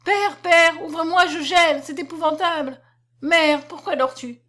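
A woman's voice: high-pitched, fairly quick, voice pushed up, natural voice. A woman voicing a desperate young woman pleading. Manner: pleading, sobbing cries.

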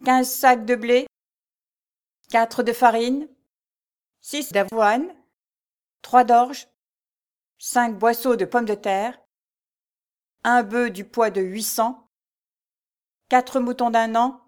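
A woman voicing a short, harsh male steward in a storybook reading, barking loud orders. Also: on the high side, fairly even intonation, very slow, pauses often, pitched above the performer's own voice. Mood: haughty.

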